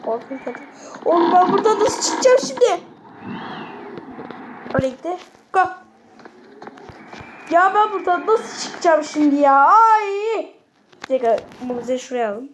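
A woman with a very high voice narrates her horror game session in a panic, begging the monster to leave and screaming when it comes near. The mic is held close to her ear, and faint noise hums in the background. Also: animated, moderate pace, long pauses. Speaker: gameplay streamer. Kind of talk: horror game let's-play commentary.

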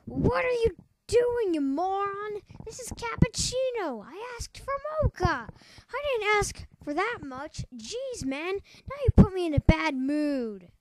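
Woman as high-voiced petulant cartoon superhero man. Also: sing-song, slow, few pauses, darkish tone, no echo, heavily acted, poor audio. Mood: irritated. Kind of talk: amateur cartoon voice acting.

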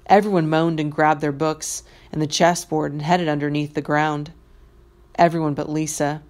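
A woman teacher reads a novel aloud to her class. Her voice sits low and deep for a woman. She reads in a measured, expressive way, giving the story its weight.

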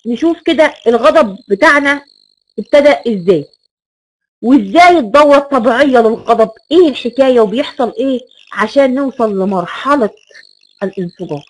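A woman's voice: a little high, animated, brisk, poor audio. Emphatic Egyptian woman lecturing. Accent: Egyptian Arabic. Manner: emphatic, repeats key words and rhetorical questions. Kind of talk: recorded online lecture.

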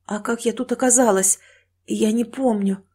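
A woman's voice: a little high, steady tone, normal speed, mellow, slightly rough. Frightened young pregnant woman, read by a woman narrator. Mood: weak, fearful. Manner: panicked pleading, breathless.

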